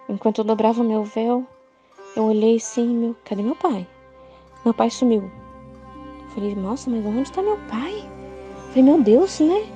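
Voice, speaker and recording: A woman's voice: on the high side, mellow. A woman giving an emotional testimony to a church congregation, telling her story dramatically and often tagging lines with a questioning aside.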